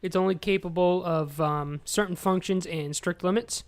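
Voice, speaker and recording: A man's voice: high voice, steady tone, moderate pace. A young man co-hosting a casual podcast chat, rambling and earnest, often restarting his thoughts. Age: young adult. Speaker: podcast co-host.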